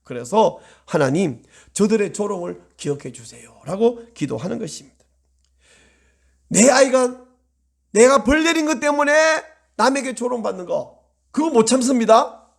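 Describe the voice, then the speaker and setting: A male pastor delivering a sermon in a high, gravelly voice. His pitch leaps and dips constantly as he presses his points. He acts out prayers, moving from raised urgency to hushed pleading. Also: normal speed, pauses often. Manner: animated preaching, acts out prayers with swings from loud to hushed.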